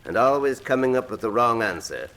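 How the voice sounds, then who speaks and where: An actor playing a suave, pompous criminal professor in a radio drama, speaking in eloquent, deliberate, menacing monologue. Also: male voice, medium pitch, very animated, fairly bright tone, poor audio. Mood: mocking. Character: suave, grandiose male criminal mastermind professor, coolly menacing.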